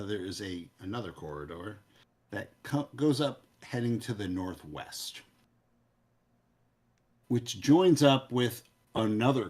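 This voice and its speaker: A man narrating a tabletop game as game master, halting as he searches for words. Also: lowish voice, a little mellow, breathy edge.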